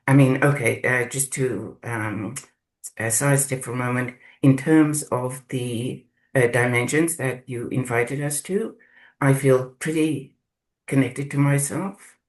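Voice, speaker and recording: A man from South Africa sharing his experience in a group video call, speaking slowly and haltingly as he searches for words. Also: mid-range voice, rough recording. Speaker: course participant.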